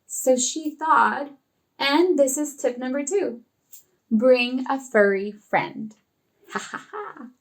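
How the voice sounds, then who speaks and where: A woman tutor gives casual teaching tips in a high voice at a slow, unhurried pace. She is expressive and acts out classroom dialogue as she goes. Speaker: online English tutor.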